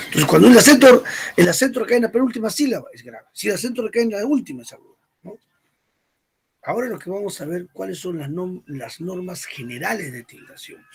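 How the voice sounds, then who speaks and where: A male teacher giving a grammar lesson, repeating key points and checking understanding with quick questions. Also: sits high, vocal fry, slightly rough. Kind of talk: spoken language lesson.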